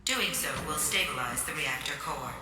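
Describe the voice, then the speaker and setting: A woman voicing a calm female station computer that gives measured, impersonal warnings in a video game. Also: low voice, recorded from a distance, very noisy. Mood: calm instructing. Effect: calm automated computer announcement. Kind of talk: video game cutscene dialogue. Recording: echoey hall voice from afar, loud music behind.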